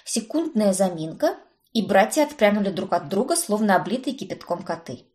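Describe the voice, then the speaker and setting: Lively woman narrating an audiobook. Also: mid-range voice, fairly quick. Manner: lively, expressive reading. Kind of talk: first-person audiobook narration.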